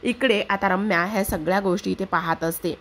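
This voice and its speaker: A woman's voice: mid-range voice, brisk. A woman narrating a recap of a TV serial episode in a plain retelling style, linking each turn with short phrases.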